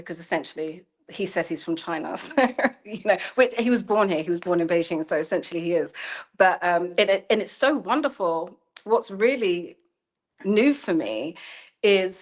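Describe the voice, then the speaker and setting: A woman in her thirties talks as an interview guest in a somewhat low voice. She is reflective and searching, restarting phrases and leaning on "you know" as she works through her ideas. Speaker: guest, journalist and storyteller. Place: lives in China.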